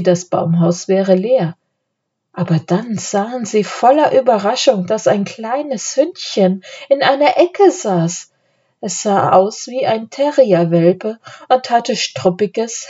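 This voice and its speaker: A woman narrating a children's audiobook, gentle storytelling. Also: medium pitch, husky, muffled recording.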